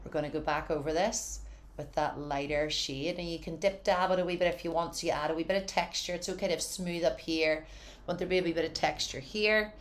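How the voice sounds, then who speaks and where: A woman's voice: sits low, fairly even intonation, fairly quick. A woman giving a casual, encouraging painting tutorial from her studio, chatty and often saying "wee". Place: home art studio.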